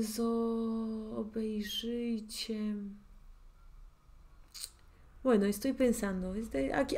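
A Polish-accented woman teacher works through grammar out loud, pausing and repeating words as she checks each one. Her voice is mellow and dark in tone, fairly high in pitch, and she talks at a very slow, deliberate pace. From Poland. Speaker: language teacher. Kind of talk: thinking-aloud lesson preparation.

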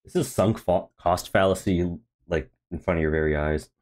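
A man's voice: low voice, moderate pace, a little mellow. A man who streams games, reading a game story aloud with sarcastic asides.

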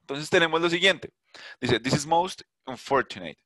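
A man's voice: a little high, animated, moderate pace, pushed and bright, dry recording. A man teaching an English grammar lesson in an online class, patient and repetitive, often asking rhetorical questions. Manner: patient, repeats himself, asks rhetorical questions.

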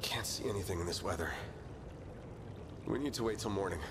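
An actor playing a calm outdoorsy man who reassures his friends in a video game. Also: low voice, a little fast, background noise, lightly acted.

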